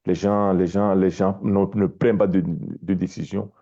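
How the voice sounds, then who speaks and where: Male life coach from Togo, deep voice, stumbles and repeats words, on a muffled video call. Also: level tone, dark tone. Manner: halting, repeats words often. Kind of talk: motivational talk on a live stream.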